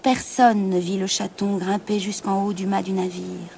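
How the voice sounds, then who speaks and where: A woman's voice: mid-range voice, flat delivery, moderate pace, gravelly, mellow, a little hiss or hum. A woman reading a children's storybook aloud in a dramatic way, dropping into whispers and rising to exclamations.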